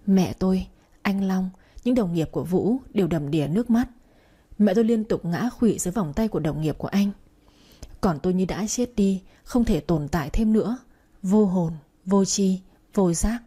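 Breathy, mellow woman narrating an audiobook. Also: medium pitch, expressive, normal speed. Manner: mournful, emotional delivery. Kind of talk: scripted first-person story narration.

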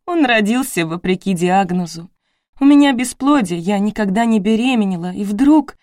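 A woman reading an audiobook, voicing a tearful, distraught young widow who pleads in a high, strained voice. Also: animated, normal speed, darkish tone, no echo, studio quality, close to an everyday voice. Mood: tearful, desperate.

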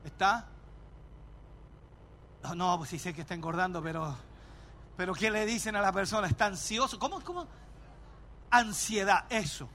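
A male pastor preaches with a very high, bright and forceful voice. He is emphatic and often shouts, acting out little scenes for the congregation. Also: expressive, moderate pace, long pauses, a little hiss or hum. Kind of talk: sermon.

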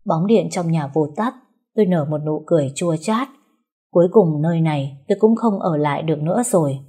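A young woman tells a first-person story in slow, sorrowful narration. Her voice sits low and carries a husky, breathy texture. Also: warm tone.

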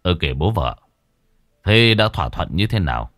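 A man voicing a wealthy, condescending son-in-law who speaks in an unhurried way, in a story reading. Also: low-pitched, sing-song, fairly bright tone, dry recording, clean studio sound, soft background music.

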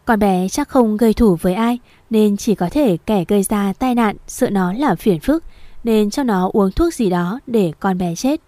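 Decisive middle-aged father, read by a woman narrator, firm, mellow tone, audio novel. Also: medium pitch, measured pace, no room sound, lightly acted.

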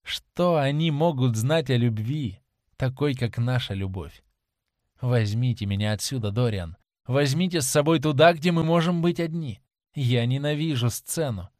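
A man's voice: mid-range voice, moderate pace, a little mellow, no room sound, studio quality, lightly acted. A man reading as a passionate young actress. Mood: impassioned. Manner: impassioned, pleading. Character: young woman, a stage actress, passionate and devoted. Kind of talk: audiobook reading.

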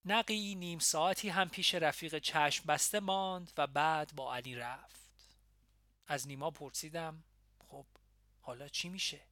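A man narrating a first-person memoir audiobook in a steady, reflective way. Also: a little high, dry recording, clean studio sound.

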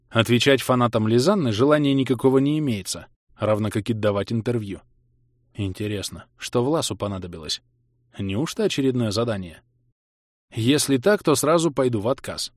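A man's voice: mid-range voice, no room sound. A man narrating a first-person audiobook in a dry, wry way.

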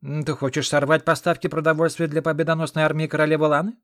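A man voicing a loyal older male cart driver in a fantasy audiobook, speaking with plain steady confidence. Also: medium pitch, moderate pace, husky, dry recording, studio quality. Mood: confident. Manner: confident, then faint and weak.

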